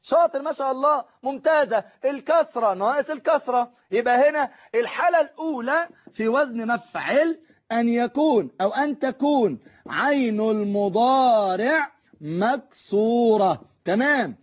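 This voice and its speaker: Egyptian male teacher, high-pitched, methodical exam-prep drill, stretches out word patterns, dull lo-fi sound. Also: animated. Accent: Egyptian Arabic. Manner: asks and answers his own questions, drills the class to repeat forms; slows right down to spell out word patterns. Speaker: Arabic teacher. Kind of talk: exam-prep grammar lesson.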